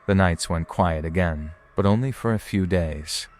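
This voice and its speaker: A man giving a scripted, suspenseful narration in a deliberate, ominous storytelling manner. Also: low-pitched. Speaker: narrator of paranormal footage compilation.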